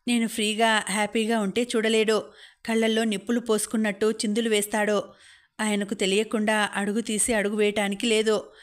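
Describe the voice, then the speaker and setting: A hurt young college girl in a storybook reading, complaining with indignation, as a woman narrator voices her. The reading stays even in pitch and carries little melody. The voice is a middle-pitched woman's. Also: fairly quick, lightly acted. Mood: indignant. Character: upset young woman student, hurt and defiant.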